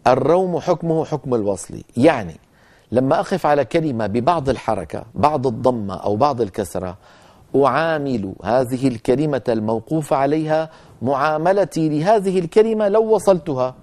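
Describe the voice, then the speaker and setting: Man teaching tajweed, mellow voice. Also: medium pitch, expressive. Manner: explains step by step, slows to chant recited examples. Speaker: Quran recitation teacher. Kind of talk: tajweed lesson with recited examples.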